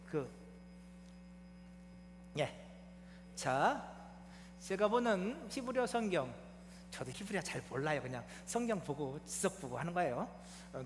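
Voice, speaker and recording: A man's voice: high-pitched, fairly bright tone, long reverb tail, slight background noise. A male pastor preaching a sermon in a church, explaining things like a teacher and asking his congregation questions. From South Korea. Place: church sanctuary.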